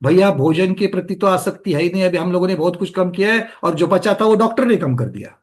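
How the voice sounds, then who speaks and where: Guy with a high voice running a religious lesson, keeps tossing questions back at the class. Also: fairly quick. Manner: questioning students, explaining with rhetorical questions. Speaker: teacher of a scripture study class.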